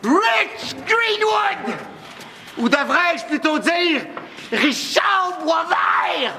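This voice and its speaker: Guy playing steve, jumpy québécois dude, high bright voice, yells a lot. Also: fast, a little hiss or hum, full character voice. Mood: outraged. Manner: excitable, often shouting. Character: nervous, hot-headed bachelor Steve.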